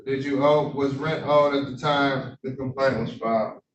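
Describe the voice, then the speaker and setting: This is a courtroom recording of a man judging a remote hearing: medium pitch, fairly even intonation, normal speed, and dull audio. He's formal and polite yet hesitates a lot, captured by a distant room mic with roomy sound and a faint hum.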